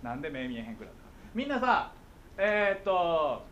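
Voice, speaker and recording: A middle-aged man with a Kansai Japanese accent visits schoolchildren as a guest speaker on visual impairment, giving a playful, jokey talk and often checking they follow. His fairly high voice swings widely in pitch at a moderate pace, with a fairly bright tone, though the audio is dull.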